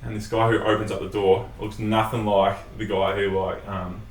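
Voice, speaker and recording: A man's voice: on the low side, level tone, moderate pace. A young Australian man, a guest in a casual chat, telling a story with lots of fillers and the odd swear. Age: young adult. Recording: roomy sound, mic at a distance, faint hiss.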